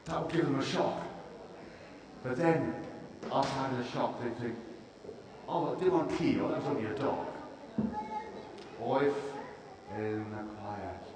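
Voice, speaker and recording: A Welsh storyteller performing live for an audience, dramatic, hushing down for the suspense and switching between two languages. He is picked up from a distance in a big hall with a long, booming reverb, and a crowd can be heard around him. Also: animated, normal speed, long pauses. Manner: dramatic, drops to hushed tones for suspense.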